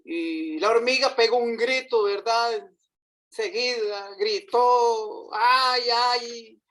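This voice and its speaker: A man's voice: very high voice, slow, fairly bright tone, rough recording. A man preaching a sermon in a conversational way, often checking in with his listeners. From Costa Rica. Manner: conversational, frequent rhetorical tag questions.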